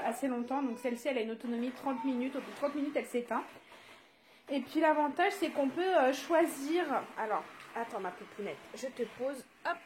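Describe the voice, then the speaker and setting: A high-sitting voice, with background noise behind it, belongs to a young vlogging mother filming casually on her phone in her child's bedroom. She chats with plenty of fillers and slips into a sing-song voice for her small children.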